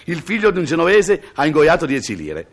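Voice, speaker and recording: A man's voice: on the high side, wildly swooping pitch, brisk. A man telling a string of jokes in a chatty comic monologue. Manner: chatty, laughing between jokes. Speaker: joke teller.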